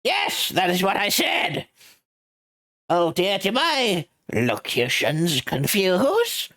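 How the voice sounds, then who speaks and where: A woman's voice: medium pitch, wildly swooping pitch, takes it slowly, a bit bright, full character voice. A woman voicing a pompous, self-important male company boss, drawing out grand words for a live-streamed game script reading.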